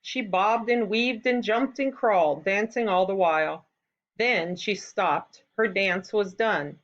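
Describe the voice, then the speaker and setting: Reading a folktale to children, this woman uses a medium-pitched voice and an expressive, unhurried storybook style. The audio is a little dull.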